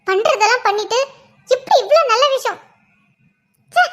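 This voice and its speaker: A woman's voice: very high voice, lively intonation, normal speed. A woman voicing a furious young wife in a cartoon drama, accusing and scornful. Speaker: cartoon character voice.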